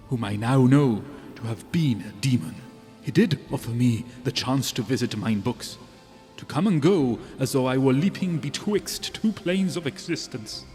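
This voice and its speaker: A man's voice: mid-range voice, a little mellow, natural voice. An unearthly male ghost played by a man speaks in a long, washing reverb over music. He is a sorrowful, haunted writer from a tabletop fantasy game, declaiming in theatrical old-fashioned diction. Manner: theatrical archaic diction, drawn-out delivery. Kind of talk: tabletop role-play.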